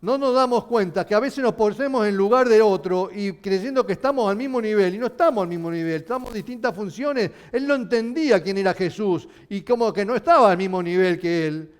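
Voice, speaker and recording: A man's voice: high-pitched, fairly quick, few pauses. A male pastor preaching a sermon, asking his listeners questions. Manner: animated, asking the congregation questions.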